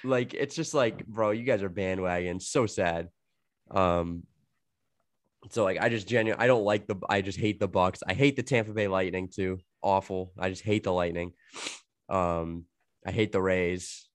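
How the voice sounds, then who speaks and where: A man's voice: low voice, normal speed, no room sound. Young man with a cold, rambling chat. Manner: rambling, heavy filler "like", laughs a lot. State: sick with a cold, coughing. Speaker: podcast co-host. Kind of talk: casual chat.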